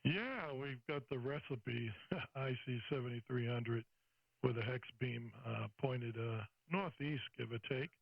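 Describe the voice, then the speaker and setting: With a gravelly, medium-pitched voice at a slightly slow pace, the older American radio amateur carries on a long, easygoing two-way chat. He's chatty and uses procedure words, signing off turns with "over." The highs are cut off.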